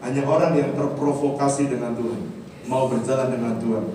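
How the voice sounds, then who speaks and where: A man preaching a sermon as a pastor, telling a personal story. He swings from low, confiding tones to loud, high emphasis, with chuckling asides. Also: steady tone, brisk, far from the mic, background noise. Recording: echoey hall, voice from off the mic.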